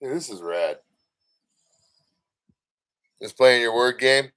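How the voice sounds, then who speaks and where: A man's voice: medium pitch, animated, slow, fairly bright tone, clear, resonant tone. A man hosting a casual livestream, chatting loosely with viewers, with plenty of fillers and restarts. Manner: rambling, chatty, playful with viewers. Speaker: livestream host.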